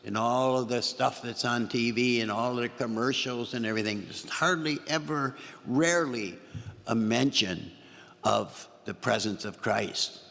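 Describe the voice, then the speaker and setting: A male pastor delivers a Sunday homily, his middle-pitched voice carrying some gravel. Long reverb from the church hangs behind every phrase. He retells a simple parable and keeps returning to his main lines for emphasis. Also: unhurried, fairly bright tone. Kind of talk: sermon.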